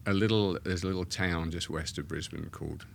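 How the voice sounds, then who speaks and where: A man's voice: low voice, steady tone, a little fast, gravelly, slight background noise. A man in his fifties with a mixed English and Australian accent, telling his story as an interview guest in a hesitant, meandering way. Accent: mix of English and Australian. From born in Australia, raised in England. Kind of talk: casual interview chat.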